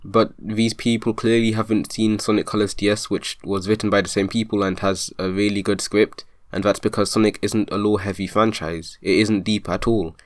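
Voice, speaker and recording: A man's voice: on the low side, level tone, moderate pace, few pauses, no echo. Exasperated man rebutting point by point. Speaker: video commentator rebutting a review. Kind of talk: argumentative commentary.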